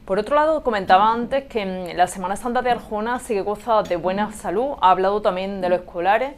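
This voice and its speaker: Fast-talking woman interviewer, some background noise. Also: medium pitch. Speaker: radio interviewer. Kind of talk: interview questions.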